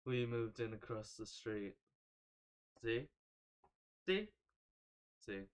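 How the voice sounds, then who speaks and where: Man doing a nervous, stumbling middle-aged neighbor, a bit creepy, bright voice that swings up and down. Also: medium pitch, big pitch swings, unhurried. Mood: awkward. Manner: hesitant, stumbling over words.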